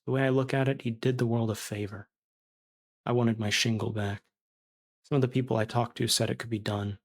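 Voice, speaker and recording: A man reads, lightly acted, as a starving, bitter disgraced surgeon confessing in a castaway's diary. His mid-range voice is creaky, and his manner is callous and self-justifying.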